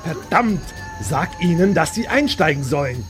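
Brief: shrill hot-headed thug, put on by a male narrator, yelling over music. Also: very animated, measured pace, gravelly, full character voice. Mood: angry. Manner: shrill, loud and barking. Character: hot-headed ruthless man, a bullying gunman. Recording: read over loud background music.

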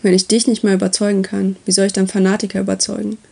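A woman voicing a patient, wry male god who calmly explains and lectures in a story reading. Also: medium pitch, creaky, husky. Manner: calm, unhurried, explaining.

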